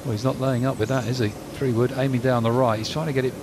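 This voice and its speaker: Male golf commentator, mid-pitched, very noisy outdoors. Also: quick pace. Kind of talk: live golf television commentary. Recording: noisy outdoor ambience behind the voice. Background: steady outdoor course noise.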